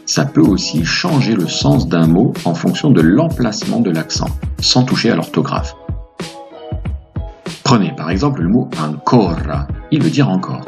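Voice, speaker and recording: A man's voice: sits low, sing-song, normal speed, creaky, music in the background. A man hosting a language lesson, explaining grammar to viewers in an upbeat, patient way with playful asides. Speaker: language teacher, host.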